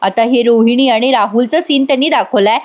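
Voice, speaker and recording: A woman's voice: on the high side, brisk, a little mellow. Chatty woman reviewing a TV serial. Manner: chatty, addresses viewers directly. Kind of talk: voice-over episode review.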